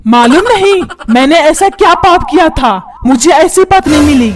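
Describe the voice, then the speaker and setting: A woman's voice: high voice, expressive, moderate pace. A woman voicing a grumpy, put-upon old husband and father who scolds and complains. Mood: lamenting. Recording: music playing behind.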